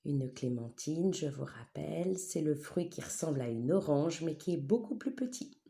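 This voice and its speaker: A woman teacher, leading a phonics lesson for young children, stretching sounds slowly and often checking that they follow. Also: sits low, expressive, vocal fry, dark tone. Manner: slow, exaggerated syllables with a wide smile; patient, checks understanding often.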